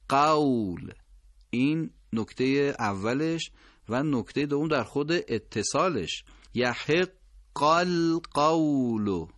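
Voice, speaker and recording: A man teaching Quran recitation who explains patiently and corrects mistakes, slowly drawing out each example word. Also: medium pitch, dry recording. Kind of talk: instructional explanation with drawn-out pronunciation examples.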